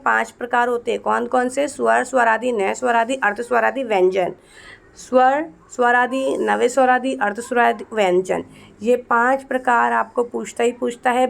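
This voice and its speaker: A woman's voice: a little high, vocal fry. A woman teaching an exam-prep lesson, asking and answering her own questions, repeating key points and calling her students "beta". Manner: addresses students as beta, firm and coaxing.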